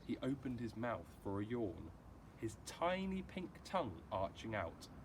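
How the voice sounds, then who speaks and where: A man with a lowish voice reads a children's storybook aloud like a teacher, very animated yet at a measured pace, acting out the dialogue expressively. It is a clearly noisy amateur recording.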